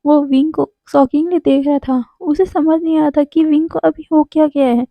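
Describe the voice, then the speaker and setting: A woman's voice: high voice, fairly even intonation, normal speed, dry recording. A woman narrating a story casually, adding explanatory asides and correcting herself. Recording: dull lo-fi dry sound.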